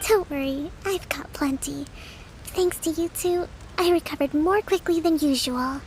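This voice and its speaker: A woman playing a gentle, earnest young female leader in a video game, speaking softly and politely in measured phrases. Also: high-pitched, a little hiss or hum, rough recording. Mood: calm, relieved.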